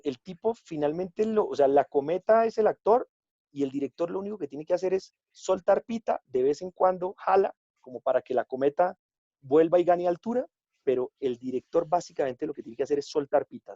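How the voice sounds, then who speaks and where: Colombian male guest storyteller, somewhat high, mellow voice, dull dry video-call sound. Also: no room sound. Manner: animated storytelling, drops into quoted voices. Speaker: guest actor and director. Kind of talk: casual chat.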